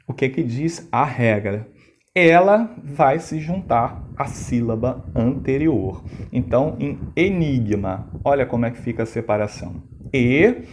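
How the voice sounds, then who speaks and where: A man's voice: mid-range voice, darkish tone, a little hiss or hum. A male teacher explaining syllable division in a lesson, stressing key words and asking rhetorical questions.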